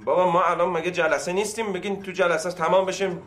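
An actor playing a scheming male lawyer caught between two women, who talks fast to persuade and plead. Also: high voice, steady tone, fairly bright tone. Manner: pleading, quick-talking, persuasive. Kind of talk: TV drama acting.

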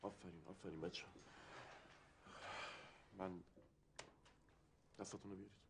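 A man's voice: deep voice, fairly even intonation, creaky, heavy background noise. An actor playing a cheery, encouraging man who leads his friends, in a TV drama. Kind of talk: TV drama acting.

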